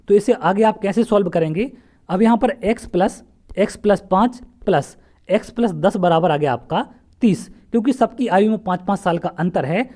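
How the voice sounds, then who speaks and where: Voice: mid-range voice, a little mellow. Step-by-step math teacher from central India. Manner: asks questions then answers them, step by step. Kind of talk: exam-prep lesson solving past paper questions.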